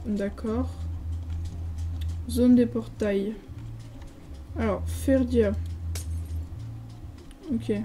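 A gaming video creator with a French accent tours a game server, reading signs aloud and filling pauses with hesitant filler sounds. Her slightly high voice is very warm and mellow. The casual home recording is low quality, with faint background noise underneath.

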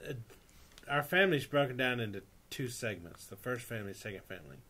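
A man from Texas, a high school teacher who is a podcast guest, talking in a laid-back, joking way. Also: animated, fairly quick, sharp tone. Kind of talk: casual chat.

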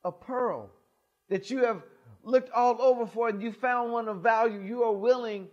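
A middle-aged man, a pastor, reading scripture and preaching a sermon in a small church sanctuary, swinging expressively between loud and soft. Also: very high voice, normal speed, dull audio.

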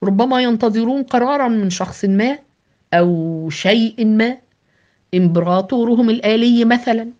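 A woman's voice: a little high, normal speed, a little mellow, pitched above the performer's own voice, close to an everyday voice. A woman voicing a tense, uneasy young man in an audio novel. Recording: dull lo-fi with background music.

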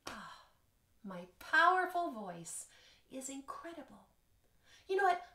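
A music teacher in her thirties sings her way playfully through a kids' lesson at home, her high voice slow, pushed and bright. A camera across the living room records her, and the space sounds echoey.

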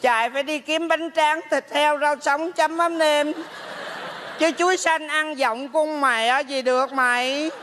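An actor in a stage comedy sketch, putting on the voice of a scolding old mother's ghost in a Southern Vietnamese accent, with a slow, drawn-out delivery. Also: very high-pitched, steady tone, bright, forceful tone, slight background noise, exaggerated voice.

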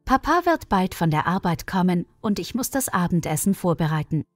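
A woman voicing a young pregnant village woman, quiet and resolute, in a storybook reading. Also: fairly low pitch, big pitch swings, brisk, no room sound, clean studio sound, faint music behind. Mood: earnest.

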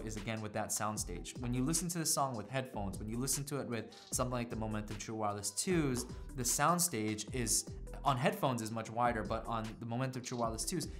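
A man giving a casual product review, enthusiastic and fond of imitating sounds with his voice. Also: medium pitch. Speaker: tech reviewer.

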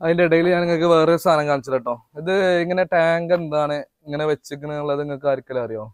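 A man's voice: fairly high pitch, fairly even intonation, very fast, no echo. A man doing casual vlog narration outdoors behind a house, chatty and talking straight to viewers with teasing asides. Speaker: family vlogger cooking.

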